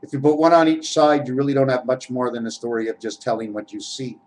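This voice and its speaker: A man's voice: medium pitch, flat delivery, fast talker, darkish tone, rough recording. Man, rambling spiritual monologue, letter and number wordplay, talks straight to viewers. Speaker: vlogger. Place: at home, on camera.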